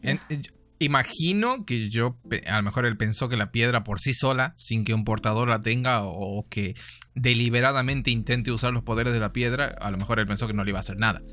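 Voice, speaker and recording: A man's voice: medium pitch, brisk, pushed and bright, no echo. A man with a Buenos Aires accent co-hosting a podcast in casual chat, rambling with many restarts. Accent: Argentine, Buenos Aires. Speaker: podcast co-host.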